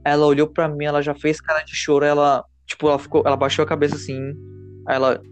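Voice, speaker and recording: A man's voice: a little high, monotone, quick pace, faint music behind. A man in casual chat, telling a personal story in a rambling way with many fillers.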